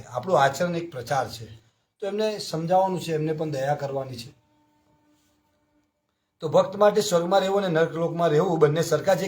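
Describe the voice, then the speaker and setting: Man giving a lively scripture talk. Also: on the high side. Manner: storytelling with frequent rhetorical questions to the audience. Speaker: devotional class speaker. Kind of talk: scripture class sermon.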